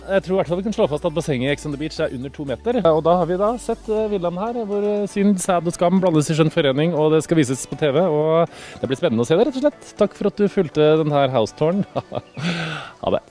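A man's voice: on the high side, expressive, darkish tone, faint music behind. A young man hosting an entertainment show, giving a playful, mocking tour of a villa with theatrical asides while walking around and talking into a handheld mic. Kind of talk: comic house tour and studio chat.

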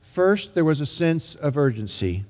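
Older male preacher at a pulpit mic, earnest and measured, a touch high, long church reverb. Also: big pitch swings, a little mellow. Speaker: interim pastor. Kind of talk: sermon. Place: large church sanctuary, indoors. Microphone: pulpit microphone. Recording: long reverb of a large sanctuary.

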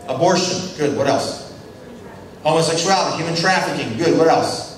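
A man giving a lecture on church mission. He questions the class and takes their short answers, and he acts out characters in quick voices as he tells stories. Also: fairly high pitch, animated. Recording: very echoey room, distant mic, faint noise.

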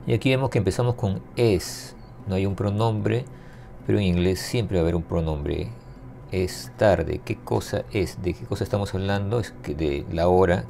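A man teaching English grammar to learners, explaining patiently step by step and repeating example phrases slowly. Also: low voice, creaky. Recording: soft guitar music behind.

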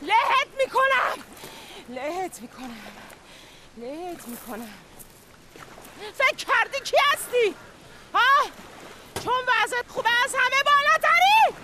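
An actress in a TV drama playing a woman who scolds and mocks a relative in a family quarrel, drawing out her taunts slowly. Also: extremely high pitch, big pitch swings, very noisy. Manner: mocking, scolding, slow and drawn out. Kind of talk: TV drama acting.

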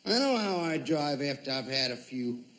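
A man's voice: on the high side, moderate pace, poor audio. A male comedian telling a long story on stage and acting out every character in it. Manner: animated, acts out every character. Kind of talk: stand-up storytelling. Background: studio audience laughter.

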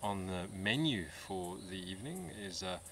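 A man's voice: sits low, normal speed. An Australian man in his thirties, talking easygoing and casual with plenty of fillers as he vlogs a camping trip from a bush campsite. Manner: relaxed, easygoing, with frequent fillers. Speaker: camping vlogger. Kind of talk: casual vlog narration. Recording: outdoor recording with insect noise. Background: insects and crickets in the bush.

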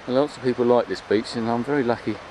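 Talking quickly over outdoor noise, a vlogger with a mid-range, steady, slightly mellow voice chats and rambles through a casual, unscripted commentary while walking a low-tide beach. His handheld camera's built-in microphone gives a rough recording full of clear wind and water sounds.

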